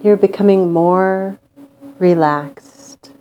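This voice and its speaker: A woman leading a guided meditation in a calm, gentle, soothing manner with long pauses. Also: lowish voice, narrow, tinny audio.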